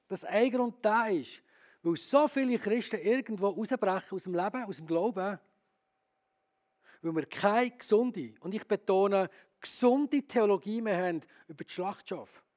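High-voiced preacher. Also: male voice, measured pace. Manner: lively, candid, asks the audience questions. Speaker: pastor. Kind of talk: sermon.

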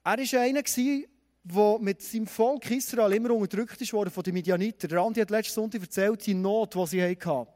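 High-voiced preacher, reverberant hall. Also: male voice, a little fast, a little mellow. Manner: storytelling, addresses listeners directly with questions. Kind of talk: sermon.

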